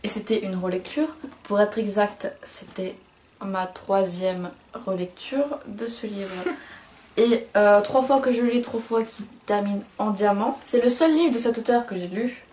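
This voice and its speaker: A woman's voice: medium pitch, measured pace, a little mellow, reverberant. A young woman co-hosting a casual book review, chatty and self-mocking, laughing often.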